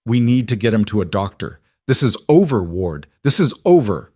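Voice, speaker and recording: A man's voice: fairly low pitch, very animated, moderate pace, warm tone, dry recording, clean studio sound. A man voicing an anxious frontier henchman in an audio story, speaking urgently and insistently.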